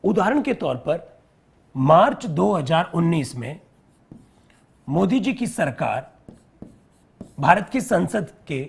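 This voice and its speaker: A man's voice: on the high side, sing-song, slow, gravelly, pauses often, husky. A man teaching a live online civics lesson, explaining step by step, repeating key terms and quizzing his viewers.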